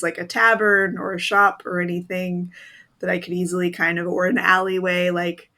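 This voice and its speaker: Casting: female tabletop player, bright forward voice, casual improvised talk. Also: fairly low pitch. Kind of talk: casual tabletop role-play chat.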